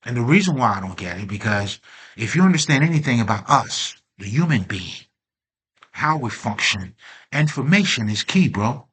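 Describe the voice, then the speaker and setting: A man's voice: mid-range voice, very animated, normal speed, fairly bright tone, breathy edge. A man hosting a self-help channel, talking in a rambling, streetwise way with lots of slang and fillers, laughing often and openly emotional. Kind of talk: casual spiritual monologue.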